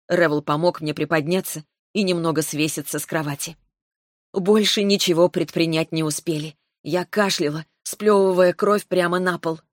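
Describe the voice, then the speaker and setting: Woman, audiobook narrator, first-person storytelling, steady, lowish voice, dry close sound. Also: no echo.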